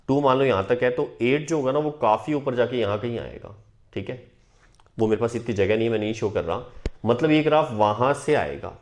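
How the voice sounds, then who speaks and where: A man teaching a math lesson at a board, often stopping to check that students follow. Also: medium pitch. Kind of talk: whiteboard lesson.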